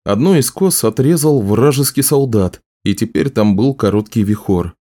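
A man narrating a fantasy audiobook in an even, measured way. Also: medium pitch. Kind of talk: scripted narration.

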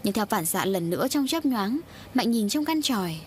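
A woman narrating a horror audiobook in a steady, grave storytelling manner. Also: fairly high pitch, normal speed, slight background noise.

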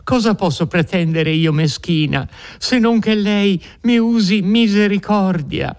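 A man's voice: high-pitched, measured pace, a little mellow, clear, resonant tone, voice pushed up. A man reading an audiobook, voicing a frightened young peasant woman who begs desperately in a trembling voice. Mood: pleading.

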